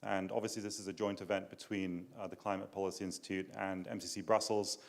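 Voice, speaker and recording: A middle-aged man giving opening remarks at a conference into a handheld mic, relaxed, with frequent fillers. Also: low voice, fast, creaky. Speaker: institute director, event co-host. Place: conference hall, standing.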